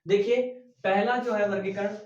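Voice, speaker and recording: Speaking at normal speed with fairly even intonation, a man with a high-pitched, darkish voice teaches an exam-prep grammar class. He habitually asks his own questions back to the students, echoing key words, and then answers them. The recording sounds distant, dull, and echoey.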